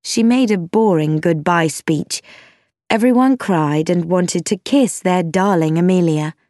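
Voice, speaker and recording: Woman narrator, unhurried and clear, expressive rise and fall, dry close sound. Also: on the low side, dry recording. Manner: slow, clear, expressive storytelling. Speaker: audiobook narrator. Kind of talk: scripted narration of a simplified classic novel.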